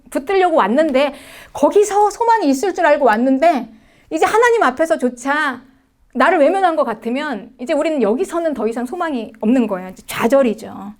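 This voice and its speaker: A middle-aged woman pastor delivers a sermon in a high, bright voice. Her pitch swings widely as she preaches. She presses her points with rhetorical questions and short affirming words. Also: big pitch swings, fairly quick.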